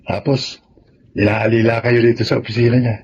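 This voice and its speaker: A man's voice: medium pitch, level tone, fairly quick, a little mellow, close to an everyday voice. An actor playing a sly young man in jail in a radio drama, talking casually and teasingly. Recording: dull lo-fi radio recording with hiss.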